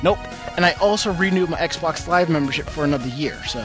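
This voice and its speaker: A man's voice: on the high side, fairly quick. A man hosting a podcast in casual banter, opinionated and given to emphatic repetition. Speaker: podcast host. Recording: music playing behind the voice.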